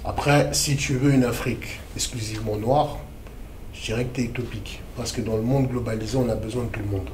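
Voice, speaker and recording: A man's voice: medium pitch, steady tone, brisk, darkish tone, roomy sound, a little hiss or hum. A man from the Democratic Republic of the Congo, in his thirties, speaking as an activist interview guest in a casual, emphatic, slangy way.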